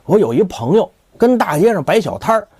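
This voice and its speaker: A jumpy young gossip stammers and begs to be left out of trouble, as a male storyteller puts him on. His voice sits high and swings wildly in pitch. The sound is dry and close. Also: very animated, brisk, a little mellow, slightly rough, no echo, exaggerated voice. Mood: nervous pleading. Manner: stammering, fearful pleading.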